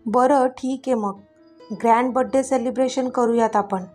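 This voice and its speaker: A woman's voice: on the high side, fairly even intonation, normal speed, a little mellow, soft background music, lightly acted. Woman doing a tender, emotional mother. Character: emotional, caring middle-aged mother.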